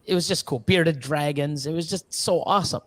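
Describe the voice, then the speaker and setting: A ball python breeder, guesting on a casual live-stream chat from a reptile facility in Ontario, rambles about breeding reptiles with lots of fillers, restarts and the odd casual curse. His voice is fairly high and a bit bright, at a moderate pace, in a dry recording.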